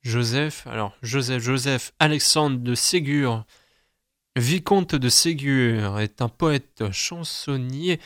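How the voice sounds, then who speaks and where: A young man reads out the day's almanac in a loose, chatty way, joking at his own slips. His voice sits at an ordinary middle pitch. The recording is dry and close, with no room sound. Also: takes it slowly, no echo. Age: young adult. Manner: chatty, self-mocking, stumbles over words. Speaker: host. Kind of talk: casual reading of daily almanac.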